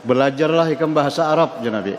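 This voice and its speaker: In a roomy mosque hall with lingering reverb, a Banjar-accented man from South Kalimantan, Indonesia, gives a conversational study-circle lecture as a religious teacher, throwing questions to listeners and laughing softly. He speaks fast in a mid-range voice, and the recording is muffled with faint noise underneath.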